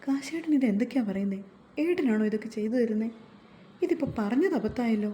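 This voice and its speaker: A woman's voice: on the high side, expressive, a little fast, mellow, a little hiss or hum, lightly acted. A woman voicing an anxious, plaintive pregnant young wife in a read-aloud story. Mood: worried. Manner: worried, plaintive.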